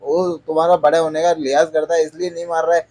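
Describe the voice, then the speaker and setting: A man's voice: a little high, flat delivery, fast, darkish tone, close to an everyday voice. A man retelling a soap plot, reading a worried young heroine's lines in his own voice. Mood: urgent.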